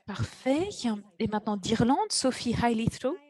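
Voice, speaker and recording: A woman giving live interpretation of an online event's host and panelists, halting now and then with fillers as she keeps pace. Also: a little high, sing-song, a little mellow, husky. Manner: halting, with fillers and restarts while keeping up with speakers.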